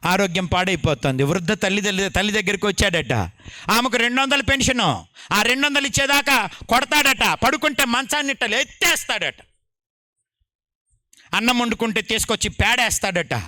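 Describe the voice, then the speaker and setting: A male pastor, telling a story in an animated sermon. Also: high-pitched, moderate pace, no room sound, clean studio sound. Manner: animated storytelling, dramatic retelling.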